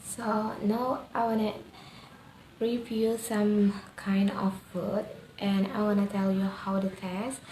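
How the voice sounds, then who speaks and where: A woman with an Indonesian accent doing a casual food review vlog in simple, halting non-native English. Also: medium pitch, flat delivery, darkish tone. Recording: echoey room with faint background noise.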